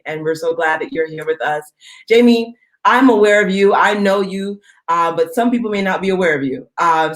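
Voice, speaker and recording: A woman hosts a casual church videocast in a cheerful, easygoing way. Her voice sits at a middling pitch for a woman, and she laughs often with her guest. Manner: upbeat, laughs easily. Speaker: videocast host. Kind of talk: casual interview chat.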